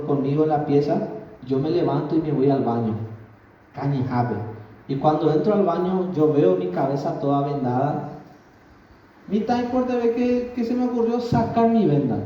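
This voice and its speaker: A man giving an earnest testimony to a church congregation, speaking straight to his listeners. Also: fairly high pitch. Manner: earnest, addresses the congregation directly. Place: church hall. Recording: very echoey hall from far off, dull lo-fi.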